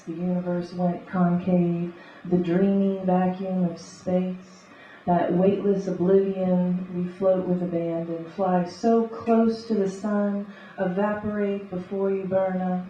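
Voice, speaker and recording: A woman reading beatnik spoken-word poetry live, in rhythmic, deliberate, short clipped phrases. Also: fairly low pitch, mellow. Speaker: poet and conceptual artist. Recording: echoey live room, distant muffled mic, faint noise.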